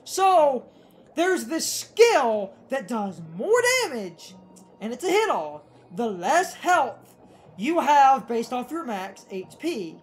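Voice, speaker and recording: She speaks slowly in a high-pitched voice with big swings in pitch. As a let's play co-commentator, she rambles and argues while casually explaining things, with video game music playing underneath.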